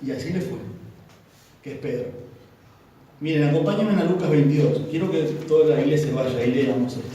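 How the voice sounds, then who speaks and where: A woman's voice: low voice, fairly quick, pauses often, dark tone, slight background noise. A woman preacher, giving an emphatic sermon and asking the congregation questions. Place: church hall. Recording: echoey church hall, from far off.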